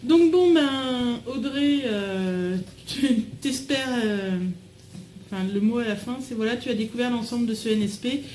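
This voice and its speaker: A woman's voice: fairly high pitch, measured pace, darkish tone, roomy sound, a little hiss or hum, poor audio. A young woman chatting casually to camera as she unboxes a package at home, bubbly and full of fillers. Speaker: vlogger unboxing a swap package.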